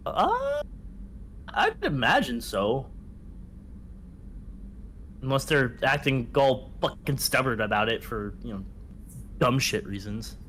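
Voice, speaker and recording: A man chatting casually alongside a gamer friend, relaxed and swearing offhandedly. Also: mid-range voice, takes it slowly, pauses often, a little hiss or hum. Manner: laid-back, mumbles to himself, swears casually. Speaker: co-host friend. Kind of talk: casual chat.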